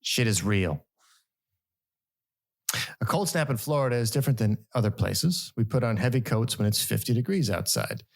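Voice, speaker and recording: A middle-aged man co-hosting a podcast, reading news stories aloud with wry, jokey asides. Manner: wry, jokey delivery with sudden pitch jumps. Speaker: podcast co-host.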